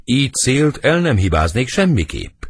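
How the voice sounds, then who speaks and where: A man reading the part of Benvolio, Romeo's loyal young friend, with an earnest, husky delivery for an audiobook. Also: medium pitch, big pitch swings, dry recording, clean studio sound, pitched above the performer's own voice. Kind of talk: audiobook verse drama reading.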